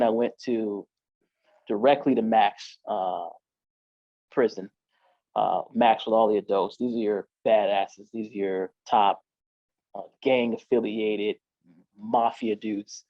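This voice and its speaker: A man's voice: lowish voice, a little mellow, no room sound, muffled recording. A man, a podcast guest, telling his own story in casual street slang, full of "like" and "you know".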